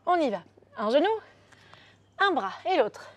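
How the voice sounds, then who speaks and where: A woman with a high, very animated voice leads a beginner workout at a slightly slow pace. As a fitness coach giving guided instruction, she's upbeat and coaxing, counting each move aloud while she demonstrates.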